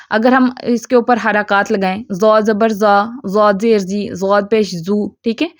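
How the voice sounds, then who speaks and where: A woman teaching Quran pronunciation, explaining a diagram, often checking in and demonstrating sounds slowly over and over. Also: on the high side, a little mellow, dry recording, muffled recording. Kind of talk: tajweed lesson explaining a diagram.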